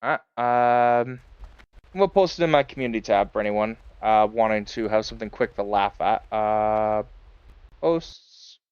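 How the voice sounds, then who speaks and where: Man, game streamer, smooth clear voice, rambling casual chat, dry slightly dull mic. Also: on the low side, unhurried, darkish tone, dry recording. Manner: rambling, many fillers, chuckling asides. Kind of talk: casual live-stream chat while playing.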